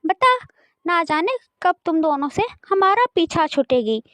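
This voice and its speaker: A woman voicing a harsh, scornful stepmother in a cartoon story, with a shrill, cutting voice. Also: sing-song, unhurried, pushed and bright, no echo, exaggerated voice. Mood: scolding. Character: harsh scolding stepmother, favours her own son.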